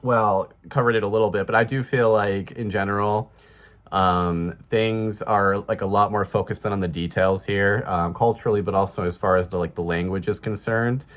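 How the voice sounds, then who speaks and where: A man's voice: fairly low pitch, steady tone, moderate pace. A man in his thirties with a Chicago accent, talking casually to camera in a rambling way, full of fillers and restarts. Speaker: vlogger.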